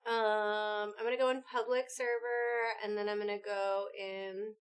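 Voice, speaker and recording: A woman's voice: mid-range voice, flat delivery, a little slow, clean tone. A young woman streamer chatting casually while setting up her stream. She is laid-back, laughs often and swears freely.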